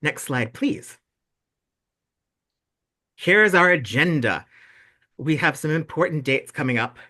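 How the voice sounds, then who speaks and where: Running a relaxed webinar for parents and volunteers, this young man speaks on the high side, expressive and slow, with a pushed, bright quality. He effusively gushes over everyone's ideas in a bubbly way.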